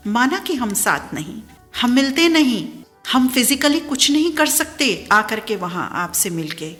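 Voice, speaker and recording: A woman's voice: medium pitch, a bit bright, big-room sound. Heartfelt woman radio host reading messages. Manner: heartfelt, repeats phrases for emphasis. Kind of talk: warm emotive radio talk, reading messages aloud. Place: radio studio.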